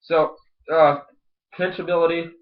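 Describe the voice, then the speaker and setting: A man with a higher voice speaks at a measured pace in a level tone while hosting a casual review video. He rambles and swears, talking with dip in his lip, and the home video audio sounds dull and lo-fi.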